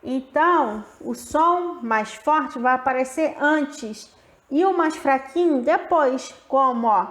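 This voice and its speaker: A woman teacher giving a grammar lesson, slowly stretching out the example words as she explains. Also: sits high, animated, roomy sound.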